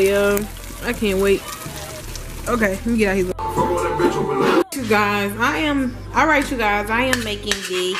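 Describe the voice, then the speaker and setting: A woman vlogging as she cooks, chatting casually and straight to her viewers. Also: medium pitch. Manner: chatty, talks straight to viewers while cooking. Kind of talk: casual cooking vlog. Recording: loud music behind her voice. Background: music.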